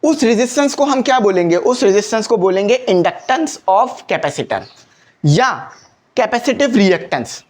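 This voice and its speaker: A man teaches physics for an entrance exam, his voice rising and falling in a lively way. He breaks each idea into small steps and keeps asking quiz questions. He repeats the main points so they stick. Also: high-pitched, a little slow. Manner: explains step by step, repeats key points, asks quiz questions. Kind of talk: exam-prep lecture.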